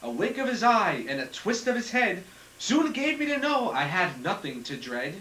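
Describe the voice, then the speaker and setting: A man's voice: high-pitched, very animated, normal speed, sharp tone. Man reading aloud on an old VHS tape. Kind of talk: reading a Christmas poem aloud at home. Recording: echoey room, far from the camera mic, faint hiss.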